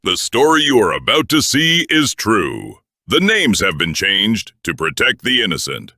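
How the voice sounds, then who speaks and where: A man's voice: lowish voice, wildly swooping pitch, unhurried, sharp tone, voice pushed down, full character voice. A man doing a grave announcer with hall reverb. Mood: solemn. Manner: solemn, formal announcing. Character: grave male documentary announcer.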